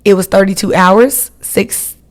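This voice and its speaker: A woman hosts her own podcast, chatting and rambling directly to her listeners in a casual solo format. Her voice sits at a medium pitch with fairly even intonation, and she speaks at a measured pace.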